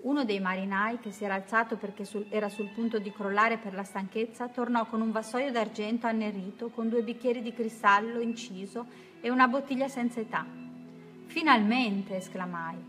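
A woman narrating a first-person adventure story in a steady, measured reading voice. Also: a little high, faint music behind. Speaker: audiobook narrator.

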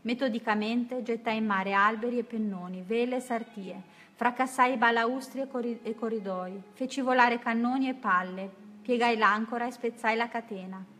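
A woman narrating a first-person adventure story in a steady, measured reading voice. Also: a little high. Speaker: audiobook narrator.

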